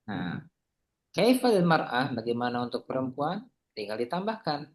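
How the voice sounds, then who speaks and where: Relaxed teacher drilling Arabic words. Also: medium pitch, moderate pace. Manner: explains patiently, mixing Arabic drill words into relaxed talk. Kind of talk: casual tutoring lesson.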